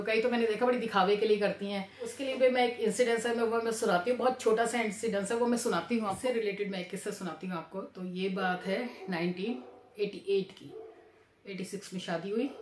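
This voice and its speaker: A woman's voice: mid-range voice, a little mellow, a little hiss or hum. A middle-aged woman vlogger telling a family story to camera in a chatty way, repeating her phrases and acting out her relatives' lines. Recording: echoey room.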